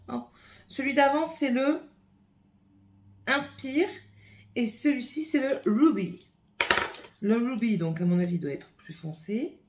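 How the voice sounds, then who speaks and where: A woman's voice: a little high, creaky, background noise. A woman vlogger filming a casual makeup haul at home on her phone, chatting and thinking aloud as she opens and swatches products. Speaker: beauty vlogger. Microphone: phone camera.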